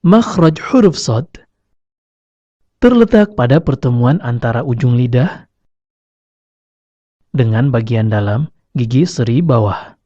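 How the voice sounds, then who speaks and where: Man, instructional narration, slow and careful, lively pitch, warm tone, dry dull lo-fi recording. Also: no echo. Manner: slow, deliberate, demonstrates each sound. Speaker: Quran recitation teacher.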